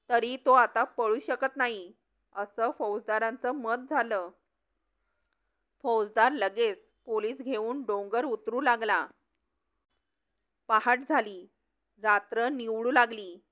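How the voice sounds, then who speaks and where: A woman narrating a dramatic story in a slow, deliberate storytelling manner. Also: fairly high pitch, fairly bright tone.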